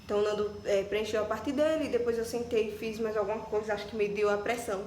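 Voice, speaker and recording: A woman's voice: medium pitch, quick pace, slight background noise. Chatty Brazilian woman in echoey room. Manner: chatty and animated, many fillers like "tipo" and "né". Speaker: vlogger. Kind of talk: casual personal storytelling. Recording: echoey room with faint ambience.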